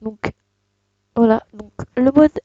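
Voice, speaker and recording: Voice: mid-range voice, slow pace, no room sound, dull audio. A young speaker giving a casual screen-recorded tutorial, hesitant and full of fillers. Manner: hesitant, many fillers and restarts. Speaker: tutorial host.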